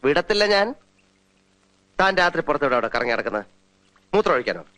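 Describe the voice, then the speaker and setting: An actor playing a sharp-witted psychiatrist who teases and questions a young man in a 1990s film drama. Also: a little high, very animated, a little fast. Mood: teasing. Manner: teasing, then grave and hushed.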